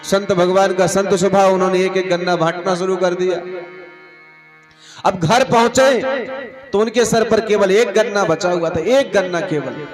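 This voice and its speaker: Man, preacher, earnest, storytelling sermon, high voice, music in background. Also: moderate pace. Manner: earnest, addresses crowd as brothers and sisters. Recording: music playing under the voice.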